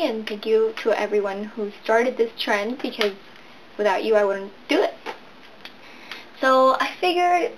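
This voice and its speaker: A woman's voice: a little high, slight background noise, poor audio. A woman in her twenties, raised in Venezuela and California, talking casually to camera in a rambling, chatty way about books. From Venezuela and San Diego, California. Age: 20s. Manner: chatty, rambling, quick bursts. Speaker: booktuber.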